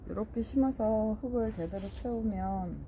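In a warm, mid-range voice at normal speed, a middle-aged woman talks to her viewers while planting succulents in a greenhouse for a casual vlog. The recording is low quality, with slight background noise.

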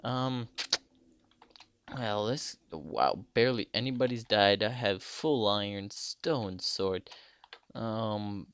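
A man's voice: lowish voice, expressive, slow, a bit bright, clear, resonant tone. A young man casually commenting on a game he is playing, rambling and joking with lots of fillers. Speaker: gaming YouTuber.

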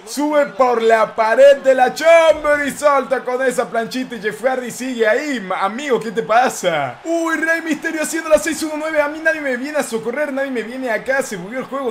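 A young man giving excitable let's-play commentary, shouting play-by-play calls. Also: extremely high pitch, slight background noise. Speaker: gaming YouTuber.

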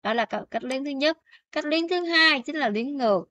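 A woman teacher explaining pronunciation rules in a language lesson, often checking in with her students with quick questions. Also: high-pitched, expressive, sharp tone, no echo.

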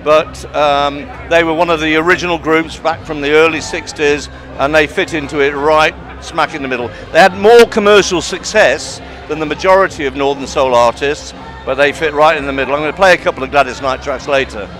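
Male, sixties, slightly high pitch, casual interviewee, music in the background. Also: fairly quick, fairly bright tone. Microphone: handheld shotgun microphone held by interviewer.

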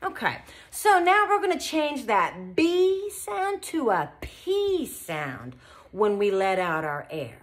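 Lively, encouraging woman teaching kids. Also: a little high, slow. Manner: animated, encouraging, lots of praise. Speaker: beatbox teacher. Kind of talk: children's tutorial.

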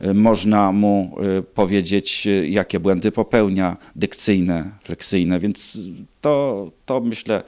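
A middle-aged man giving measured, hesitant interview answers with frequent pauses. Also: low voice, a little mellow. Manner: hesitant, measured, pausing often. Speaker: contest organiser being interviewed. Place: indoors, small room. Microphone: handheld reporter microphone.

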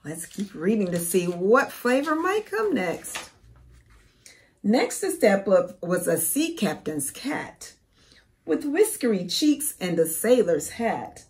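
A woman teacher reads a picture book for small children. Her delivery is expressive and careful, with big swings of intonation, a slow pace and a medium pitch. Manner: expressive, careful, asks the listener questions. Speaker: preschool teacher reading aloud. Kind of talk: children's storybook read-aloud with teaching asides.

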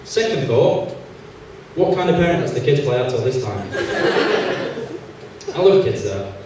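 A young man doing an animated stand-up routine on a small theatre stage, acting out the people he quotes. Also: mid-range voice, a little slow, very noisy. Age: young adult. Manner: animated, acts out quoted characters. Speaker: stand-up comedian. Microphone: handheld mic, far camera. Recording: echoey hall, from far off.

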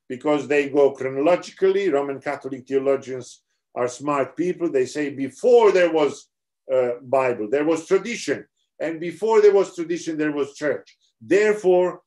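A darkish, medium-pitched voice belongs to a middle-aged Serbian-accented man delivering a theology lecture on a video call as part of an online seminar. He is earnest and explanatory, with many restarts.

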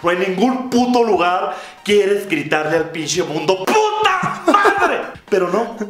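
A man's voice: sits high, unhurried. A man with a Mexican accent delivering a comedic rant full of crude, profane, exaggerated storytelling. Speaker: comedy YouTuber. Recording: roomy echo.

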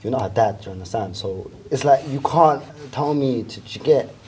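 A man's voice: mid-range voice, animated, moderate pace, a little mellow. A man in his twenties with a London roadman accent, bantering casually in slang in a teasing, provocative, repetitive way. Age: 20s. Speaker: prankster. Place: large indoor lecture theatre. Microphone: far camera. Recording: noisy, distant microphone in room.

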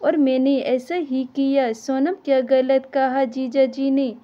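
A woman's voice: sits high, fairly even intonation, takes it slowly, lo-fi sound. A woman voicing a patient daughter-in-law who speaks firmly and reasons things out. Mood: reproachful. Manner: firm, reasoning.

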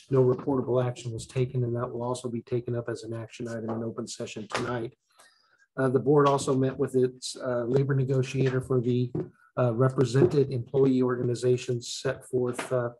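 A man serving as board counsel, reporting closed-session actions at a meeting in measured, formal legal phrasing. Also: medium pitch, a little mellow, slight background noise, poor audio.

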